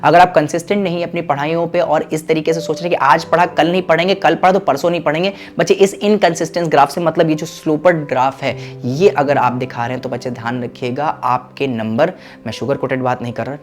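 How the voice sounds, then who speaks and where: A young man teaching an online exam-prep lesson, coaching and reassuring his students and stretching key phrases out slowly for emphasis. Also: a little high, faint music behind. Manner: coaching and reassuring, calls listeners "children"; mixes English terms into Hindi, stretches key phrases slowly. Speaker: commerce teacher.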